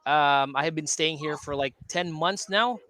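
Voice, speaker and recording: A man's voice: a little high, moderate pace, sharp tone. A middle-aged man from the Philippines tutoring English over a video call, chatty and explanatory, peppering his talk with "you know" and "right?". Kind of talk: casual conversation lesson.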